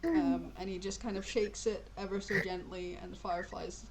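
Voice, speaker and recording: Brief: easygoing woman game master, mid pitch, loose rambling narration, audible hiss. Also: normal speed, vocal fry. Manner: relaxed, filler-heavy storytelling.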